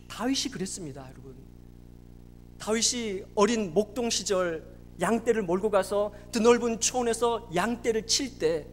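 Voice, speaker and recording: A man, a pastor, preaching a sermon with emphatic rhetorical questions. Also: very high voice. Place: church sanctuary. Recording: long church reverb, faint hum.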